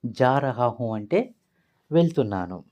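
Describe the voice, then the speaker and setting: A man's voice: medium pitch, animated, measured pace, darkish tone. A man teaching as a language tutor, patiently explaining phrases word by word and repeating each one.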